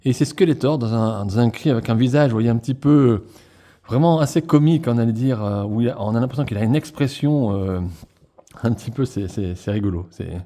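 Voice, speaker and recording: A man chatting enthusiastically through a toy unboxing review, full of fillers and quick self-corrections. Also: medium pitch, mellow. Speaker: toy collector reviewing a figure pack.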